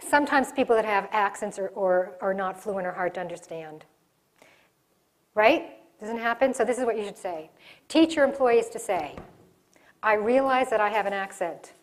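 Standing before a projection screen in a conference room, a middle-aged diversity workshop presenter speaks live at a moderate pace in a mid-range voice. She is animated, talks with her hands, and often starts her sentences over.

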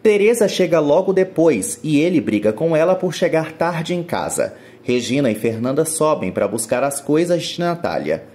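A Brazilian man narrates an episode recap from a studio voice-over mic. His voice is mellow and dark, but his delivery swings up and down with brisk storytelling energy. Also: fairly high pitch. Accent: Brazilian Portuguese. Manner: brisk storytelling with lively rises. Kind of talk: scripted narration.

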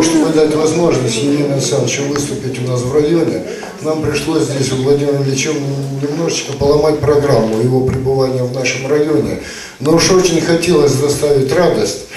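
A man's voice: medium pitch, a little mellow. Man making a formal speech, very echoey. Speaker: local official giving thanks. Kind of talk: formal thank-you speech. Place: public hall with audience. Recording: very echoey hall, distant, audience noise.

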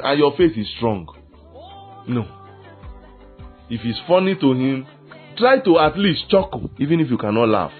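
A man, preaching a lively sermon on marriage and slipping into acted quotes of husbands and wives. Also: a little high, slightly rough. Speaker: pastor. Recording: tinny phone-like sound with faint music.

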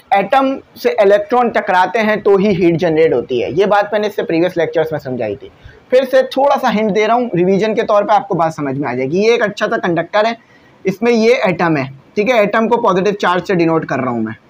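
High-pitched male physics teacher, explanatory lecture style. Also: sing-song, muffled recording. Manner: explains with everyday examples, keeps checking understanding; reads English textbook lines slowly and deliberately. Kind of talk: classroom lecture on video.

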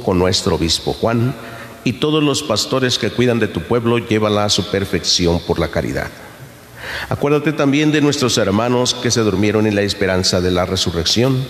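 A middle-aged man, a priest, reciting the Mass at the altar in a slow, measured, solemn way. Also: on the low side. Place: church sanctuary, behind the altar. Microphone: fixed camera from across the altar. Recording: echoey church with long reverb.

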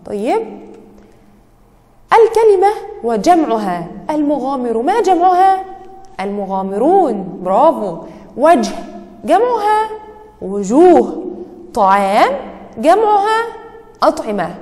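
Lively high-voiced Egyptian woman teacher. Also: in a large hall. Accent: Egyptian Arabic. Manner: quizzing, praising each answer with quick "bravo". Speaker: primary school teacher. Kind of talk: online Arabic lesson for young children.

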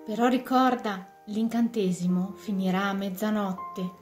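A woman voicing a kindly fairy godmother, gentle and reassuring, in a puppet fairy tale. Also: mid-range voice, measured pace, close to an everyday voice. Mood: soothing. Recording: music behind the voice.

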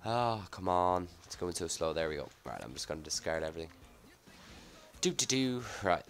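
A man with a slightly husky, under-the-weather voice giving casual live commentary on a video game pack opening, reacting offhand to each reveal. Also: very deep voice, animated, fast talker, faint music behind. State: slightly sick, husky off voice from a cough. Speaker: gaming video host.

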